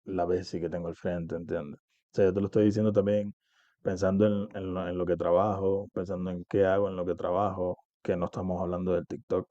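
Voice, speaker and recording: A man's voice: sits low, little pitch movement, brisk, warm tone, dry recording, dull audio. A man from Cuba, talking casually and reflectively as an interview guest, often checking in with "¿entiendes?". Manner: reflective, uses many fillers and "¿entiendes?".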